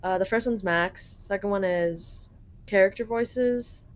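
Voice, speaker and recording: A young Canadian woman with a mid-range voice speaks a little slowly as she translates game text aloud for a friend on a call during the friend's playthrough. She talks casually and swears freely.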